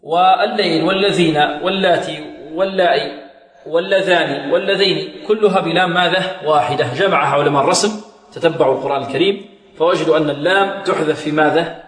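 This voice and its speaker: A man's voice: a little high, fast talker, fairly bright tone. A man teaching Quran recitation, quizzing students with questions and modeling each sound again and again. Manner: poses questions to students and answers them, models and repeats pronunciations. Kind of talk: recitation lesson. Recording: echoey hall with long reverb.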